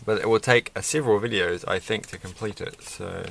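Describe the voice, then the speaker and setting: A middle-aged man with a low, croaky but fairly bright voice rambles, halts and searches for words, with a little hiss or hum in the audio. He makes Lego build videos, giving unscripted commentary while building indoors at a desk for a casual hobby vlog.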